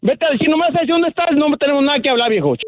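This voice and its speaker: A man's voice: very high-pitched, animated, very fast, a little hiss or hum. Angry man on a dull phone line. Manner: angry, blunt, demanding. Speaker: prank call victim.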